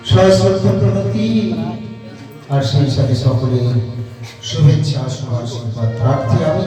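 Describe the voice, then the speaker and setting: A man delivers a devotional sermon, his high voice rising and falling in a sing-song chant. Every phrase rings out with a heavy cathedral-like echo, as if heard from far off in a vast hall. Instrumental music plays behind him. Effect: heavy booming echo, like a cathedral. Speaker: preacher.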